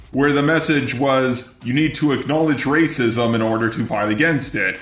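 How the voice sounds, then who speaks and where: Scripted commentary comes from a robot persona voiced by synthetic male text-to-speech, blunt and sardonic in delivery. Pitched at medium and a bit bright, it has a roomy sound; the speaker is a video commentator.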